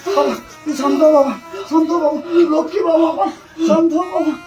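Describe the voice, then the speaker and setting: A man's voice: very high voice, steady tone, a little fast. An actor playing an older father grieving over his addicted son, who keeps soothing and coaxing through tears. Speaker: father in a short film. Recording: echoey, mic far off, music underneath.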